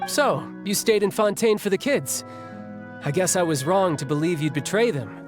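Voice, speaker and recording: A man's voice: high voice, animated, moderate pace, over music. A man voicing Childe, a cocky young warrior in a game cutscene who talks in a casual, joking way. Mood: easygoing. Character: cocky young male warrior, breezy and eager to fight.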